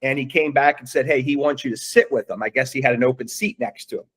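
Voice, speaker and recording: A man's voice: medium pitch, quick pace, a bit bright, slightly rough. Earnest middle-aged man telling a story. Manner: rambling, earnest, many fillers and restarts. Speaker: guest, father. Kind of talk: casual storytelling in an interview.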